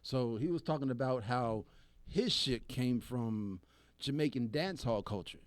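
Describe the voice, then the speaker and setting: A man co-hosting a podcast in casual chat, animated and laughing often as he acts out quoted voices. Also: mid-range voice, measured pace, no echo. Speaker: podcast co-host.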